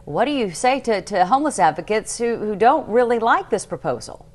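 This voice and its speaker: A woman's voice: a little high, very animated, brisk. A woman in her thirties anchoring a TV news interview, asking direct, pressing questions.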